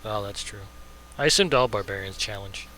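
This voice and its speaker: A man's voice: lowish voice, fairly quick, sharp tone. A man joking casually as a player in a tabletop game. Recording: faintly noisy mic with clicks.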